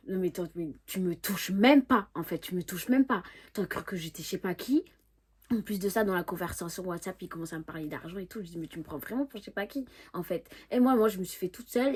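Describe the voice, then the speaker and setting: Husky-voiced young woman telling a story. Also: fairly low pitch. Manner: lively, animated, repeats words for emphasis, laughs often; imitates an English accent when quoting. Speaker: storyteller vlogger. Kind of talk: casual storytime monologue.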